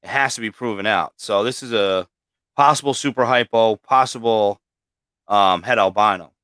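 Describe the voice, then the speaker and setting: A man talks loosely about his reptiles, sprinkling in swear words and fillers. His voice is bright and clean, with a crisp edge. The sound is dry, with no room echo. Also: on the low side, normal speed. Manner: casual, swears often, many fillers. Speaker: livestream host and snake breeder. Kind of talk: casual chat.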